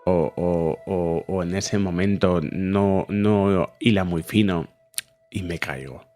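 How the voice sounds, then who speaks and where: A man acts out a nervous climber in a spoken joke, a worrier who keeps second-guessing himself. The voice sits low and breaks into repeated stammered restarts. It stays close to his own storytelling voice. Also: slow pace, darkish tone. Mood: fretful. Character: anxious hesitant male mountain climber.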